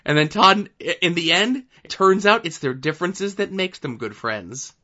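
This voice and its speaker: A man's voice: high-pitched, animated, normal speed, bright, forceful tone, muffled recording. A man co-hosting a comic book podcast, chatting casually and enthusiastically with a lot of fillers. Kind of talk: casual chat reviewing comics.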